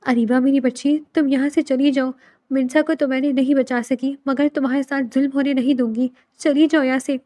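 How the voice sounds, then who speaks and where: A woman's voice: sits high, little pitch movement, dark tone, lightly acted. A woman reading the lines of an anxious mother urgently begging her daughter to flee, in a storybook drama. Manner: urgent, imploring. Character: anxious middle-aged mother, protective.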